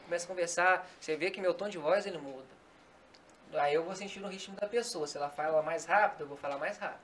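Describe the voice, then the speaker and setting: A man who works as a hypnotist, giving slow, soothing commands in a demonstration and then explaining his technique in casual podcast chat. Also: on the high side, a bit bright, slight background noise. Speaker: hypnotist guest.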